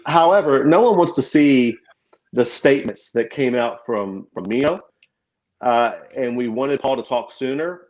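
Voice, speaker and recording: A man's voice: mid-range voice, animated, measured pace, darkish tone. A man speaking as a fan panelist on a live show, emphatic and opinionated, through a crackling, distorted earphone mic. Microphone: earphone headset mic. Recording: dull, crackling lo-fi mic sound.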